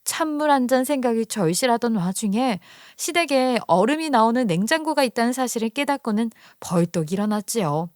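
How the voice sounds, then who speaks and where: A woman's voice: fairly high pitch, lively intonation, fairly quick, hardly any pauses, darkish tone, dry recording, studio quality. Woman narrating an indignant story.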